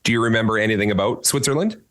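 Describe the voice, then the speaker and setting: A man hosting a podcast interview, asking questions in an upbeat, lively way. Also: lowish voice, very fast. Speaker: podcast host.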